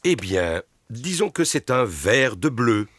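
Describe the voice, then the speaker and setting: A man's voice: medium pitch, sing-song, slow pace, very noisy. A man voicing a jolly, indulgent daddy pig in a children's cartoon, with a jovial, playfully formal manner. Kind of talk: children's cartoon dialogue, French dub.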